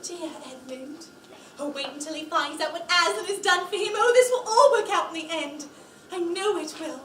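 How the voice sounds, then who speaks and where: An actress plays an eager, hopeful young girl in a children's stage show, gushing with bright-eyed wonder. The voice is very high. It is caught from afar in an echoey room with a constant hiss. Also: normal speed. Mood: overjoyed. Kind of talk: live children's stage play. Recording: echoey room from far off, noise.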